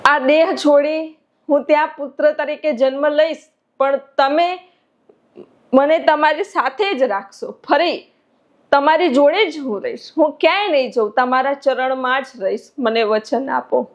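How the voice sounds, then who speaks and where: A woman's voice: high-pitched, measured pace. Woman voicing a pleading young male disciple. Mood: tearful pleading. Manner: pleading, emotional. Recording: dull lo-fi recording.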